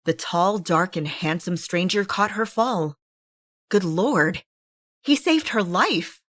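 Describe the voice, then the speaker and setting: A woman giving a steady, expressive scripted reading of a romance novel. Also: lowish voice, measured pace, no room sound, studio quality. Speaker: audiobook narrator.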